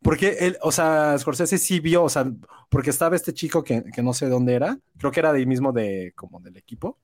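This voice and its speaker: A man with a Mexican accent, telling an animated anecdote in casual podcast chat. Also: on the high side, fairly quick. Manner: animated storyteller, acts out quotes. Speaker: podcast co-host.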